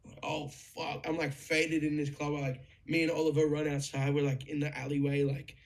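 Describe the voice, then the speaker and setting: A young man with a gravelly, slightly higher voice, telling a story in an excited, casual way. He swears freely and leans on lots of fillers as he talks. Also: brisk. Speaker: guest musician.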